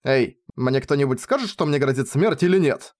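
A man's voice: medium pitch, animated, normal speed, a little mellow, lightly acted. A man voicing a brash, short-tempered young female sorceress with snappy retorts. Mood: unimpressed.

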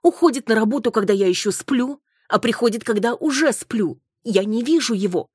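A woman voicing a jealous, hysterical young wife who scolds her husband, shrill and close to tears. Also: fairly quick, darkish tone, husky, no echo. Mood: complaining. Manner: shrill, accusing, near tears.

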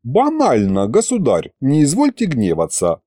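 A man's voice: medium pitch, huge pitch swings, mellow, dry recording, clean studio sound. A man voicing a polite, reasoning horned male archivist at a royal court in an audiobook. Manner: courteous, measured.

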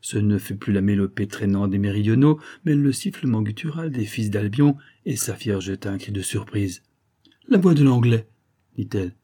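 A man narrating a 19th-century novel aloud in a measured, steady reading. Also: fairly low pitch. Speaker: audiobook narrator.

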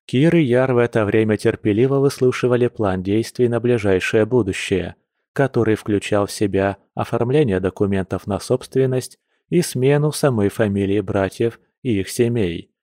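A man narrates a novel in a steady, even reading voice. His voice sits low, and the recording is dry and close. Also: normal speed, no echo. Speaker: audiobook narrator. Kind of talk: scripted narration.

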